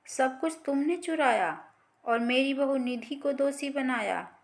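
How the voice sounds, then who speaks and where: A woman's voice: high-pitched, a little slow, pitched above the performer's own voice. A woman storyteller voicing a suspicious, scolding mother-in-law in a family tale.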